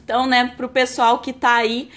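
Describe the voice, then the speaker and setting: On a live stream, a Rio de Janeiro woman in her thirties who works as an enologist talks in a chatty, casual way, with a Carioca Brazilian Portuguese accent. Her fairly high, fairly bright voice moves at a moderate pace with little pitch variation. She leans on "né" and "tá" fillers and frequently restarts.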